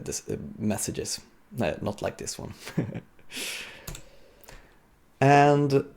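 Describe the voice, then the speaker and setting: A man with a mid-range, gravelly voice and a darkish tone gives a casual live coding demo at a conference, with a faint hiss or hum in the recording. He's a software developer thinking aloud through the technical presentation, hesitating now and then as he works.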